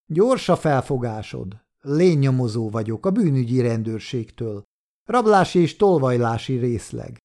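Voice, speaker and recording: A sly, self-assured shop owner who is secretly a detective speaks calmly and mockingly in a storybook reading, voiced by a man. His voice is dark and mellow, pitched in an ordinary male range. He sounds cool and quietly challenging.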